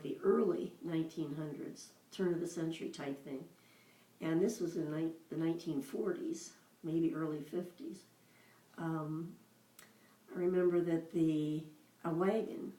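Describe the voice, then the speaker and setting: Older lady slowly telling old family memories, lowish mellow voice, roomy echo. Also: far from the mic. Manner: unhurried storytelling with pauses. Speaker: mother recalling childhood. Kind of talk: casual reminiscing.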